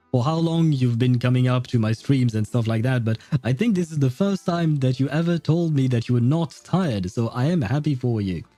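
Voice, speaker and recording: In a dry recording, a man with a warm, medium-pitched voice livestreams a game, chatting casually and rambling in a friendly way. He comments, reads dialogue aloud and chuckles a lot.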